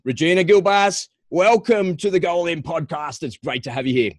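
An Australian podcast host with a slightly high voice speaks briskly, giving an enthusiastic, promotional introduction before interviewing a guest. The recording is dry and studio quality.

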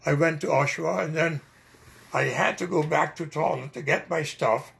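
A man's voice: a little high, normal speed, vocal fry, a bit bright. An older man with a Dutch accent, telling long rambling stories with many hesitations in an oral history interview. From Netherlands.

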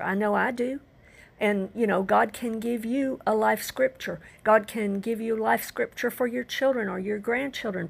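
Older female preacher, gravelly voice, earnest scripture teaching with rhetorical questions. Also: medium pitch. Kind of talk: Bible teaching sermon.

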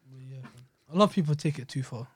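Fast-talking young London roadman. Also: medium pitch, slightly rough, no echo, clean studio sound. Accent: London, urban roadman slang. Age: young adult. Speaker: podcast co-host. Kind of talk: casual slangy banter.

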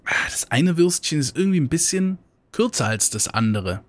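A man's voice: fairly high pitch, sing-song, normal speed, no room sound. A man voicing a fussy, fretful chicken in a fable he is telling, dithering and worried. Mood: fretting.

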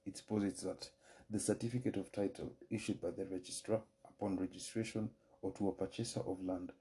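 Kenyan male lawyer-host, deep and dark-toned, formal lecturing delivery. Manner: measured, formal lecturing with careful restarts. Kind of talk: solo legal explainer podcast.

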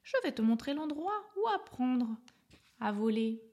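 A woman's voice: sits high, sing-song, measured pace, a little mellow, voice pushed up, exaggerated voice. A woman voicing a helpful, chirpy parrot in a storybook, speaking in an encouraging way.

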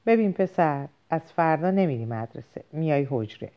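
A woman's voice: low voice, animated, clear, resonant tone, highs cut off. A woman reading the lines of a stubborn, angry middle-aged father who speaks with scorn. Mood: scornful. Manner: scornful, shouting bursts.

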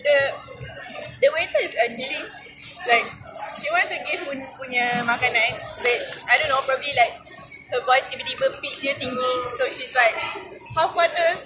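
A woman's voice: high-pitched, expressive, brisk, over music, low-quality recording. A young woman with a Malaysian English accent, co-hosting a casual chat in a restaurant, mixing Malay words into her English and giggling often. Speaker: podcast co-host.

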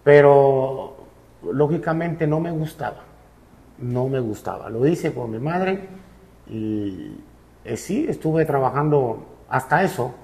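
Relaxed Cuban man telling his story. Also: medium pitch, slow. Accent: Cuban Spanish. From Cuba. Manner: relaxed storyteller, many fillers. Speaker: musician guest.

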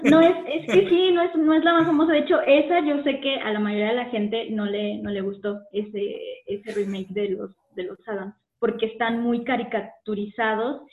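A woman's voice: a little high, flat delivery, normal speed, few pauses, phone-quality sound. A woman co-hosting a casual chat, questioning and doubtful, often answering briefly. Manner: doubtful, questioning, short replies. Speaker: podcast co-host. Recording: echoey room.

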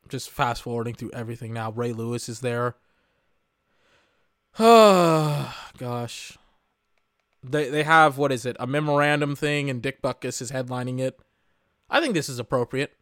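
A man's voice: medium pitch, moderate pace, pauses often, a bit bright, no room sound, clean studio sound. A man hosting a podcast, reacting live to an awards broadcast in casual, rambling commentary, often exasperated and swearing. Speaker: podcast host.

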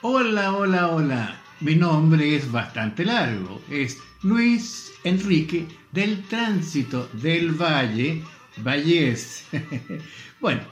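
Elderly Chilean man in his eighties, unhurried and chuckling, slightly higher voice, roomy sound. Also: sing-song, soft background music. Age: 80s. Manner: unhurried, chuckling, self-deprecating. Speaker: guest. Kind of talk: casual radio interview.

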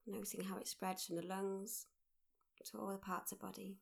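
A woman leads a mindfulness meditation in a mid-range, notably creaky voice. As a meditation guide and workshop leader, she speaks gently and fairly evenly, in short phrases separated by unhurried pauses.

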